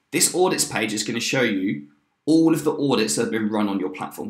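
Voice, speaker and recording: A man in his thirties giving an upbeat, chatty screen-share walkthrough of a software tool, with fillers and quick restarts. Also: mid-range voice. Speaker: software demo presenter. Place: indoor room, webcam in corner of screen share. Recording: roomy echo.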